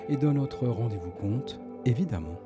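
A man hosting a radio interview, jovial and quick to laugh. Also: mid-range voice, lively intonation, loud music behind the voice. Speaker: radio host.

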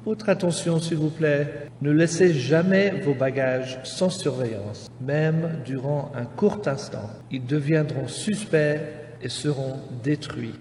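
A man making formal public announcements over an airport intercom, slow and measured. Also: on the high side, background noise. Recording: echoey distant airport loudspeaker.

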